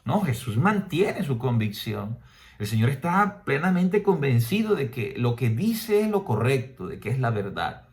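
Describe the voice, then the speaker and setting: Male priest, homily delivery, emphatic, medium-pitched voice, rhetorical questions. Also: big pitch swings, measured pace, a little mellow. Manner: mimics people in higher voices.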